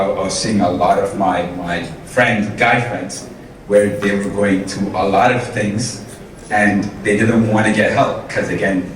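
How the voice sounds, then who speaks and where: A man's voice: on the low side, a bit bright. Young man telling his story in an echoey hall. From Ethiopia. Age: young adult. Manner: casual, many ums and restarts. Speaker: invited speaker. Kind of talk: personal story talk. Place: large event hall. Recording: roomy hall sound from far off, noisy.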